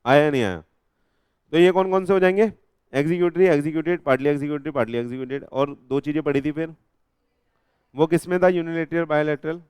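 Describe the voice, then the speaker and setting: A young man with an Indian accent runs a lively revision lecture, firing questions at his students and teasing them between points. His voice is smooth and clear, set a little high. The sound is close and dry, with no room echo. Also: fast talker. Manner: quizzes students constantly, teasing and joking; mixes Hindi with English terms. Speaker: commerce law teacher. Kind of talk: live classroom revision lecture.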